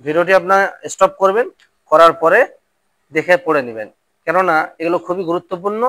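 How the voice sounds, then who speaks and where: A man's voice: high voice, brisk, sharp tone, dry recording. A male Quran reading teacher drilling Arabic letter sounds and quizzing pupils in a classroom lesson.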